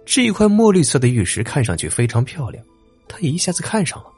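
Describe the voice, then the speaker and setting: A man tells a dramatic tale in a husky, breathy voice. His pitch swings up and down in an animated way. Faint music plays in the background. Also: fast talker. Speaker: storyteller. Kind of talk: dramatic story narration.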